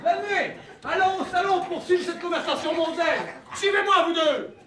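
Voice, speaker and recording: An actor playing a blustering comic police inspector in a live stage farce, with boisterous exclamations. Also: male voice, very high-pitched, normal speed, bright, forceful tone, distant mic, slight background noise. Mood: mocking. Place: theatre stage. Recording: roomy stage recording from afar, audience laughter.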